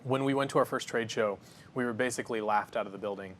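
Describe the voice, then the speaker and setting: Speaking fast in a medium pitch, a man who founded a company cooks and gives an interview in a studio kitchen. He's confident and energetic, describing each step as he goes, over a slight hiss or hum.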